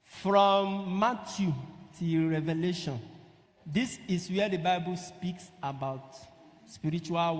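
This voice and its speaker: A man preaching a sermon, emphatic, asking the listeners questions and rising to loud peaks. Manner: emphatic, asks the audience questions and rises to loud high peaks. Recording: long hall reverb.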